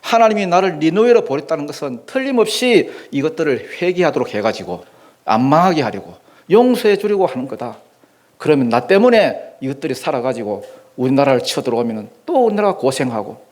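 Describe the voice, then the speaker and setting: A man's voice: a little high, sing-song, a little fast, darkish tone. A man acting out the prophet Jonah complaining to God in a sermon, aggrieved and resentful. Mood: indignant. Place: church.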